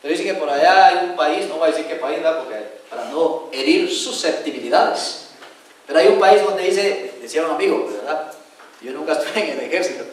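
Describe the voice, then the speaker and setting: A male pastor preaching a sermon, telling stories animatedly and acting out voices. His voice sits high and rings through a very echoey church hall. It is heard from a distance from the mic. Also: brisk. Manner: animated storytelling, acting out voices, direct questions to the congregation.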